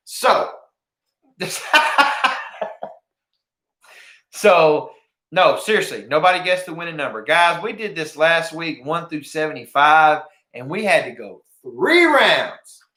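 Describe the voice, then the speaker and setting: A man's voice: fairly high pitch, sing-song, measured pace, bright, forceful tone. A man hosting a casual livestream, chatting informally with viewers and often repeating himself. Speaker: livestream host of a fishing giveaway. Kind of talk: casual live chat with viewers. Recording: roomy, echoing room sound.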